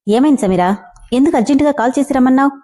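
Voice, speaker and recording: An earnest, kind young man who speaks quickly and plainly, as a woman narrator puts him on. The voice is high and mellow. This is a storybook drama read aloud. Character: kind, earnest young man just picked for the police service.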